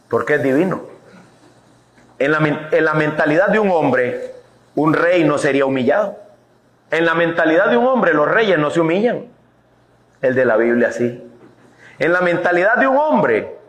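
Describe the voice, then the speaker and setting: A male pastor preaching an impassioned sermon, swinging between loud peaks and quiet drops. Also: on the high side. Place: church. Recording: echoey church hall.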